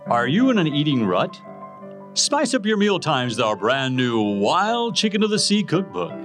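Brief: male infomercial announcer, pushy and animated, higher voice, music underneath. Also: moderate pace. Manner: hard-selling, emphatic pitch. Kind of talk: infomercial parody.

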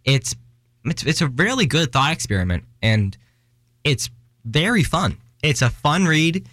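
A young man from Washington, US, hosts a casual solo podcast, rambling with lots of restarts and fillers, cracking self-deprecating jokes and running out of breath. His voice is fairly high, bright and very animated, yet unhurried, captured in a dry, clean studio recording.

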